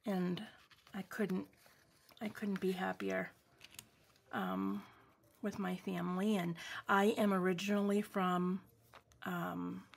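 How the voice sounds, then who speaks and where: Slow and often pausing, this New England woman in her forties chats casually through a craft session at home, her warm, rambling asides heavy with ums. She has a mid-range voice with vocal fry. As a craft vlogger, she films under an overhead camera that shows only her hands.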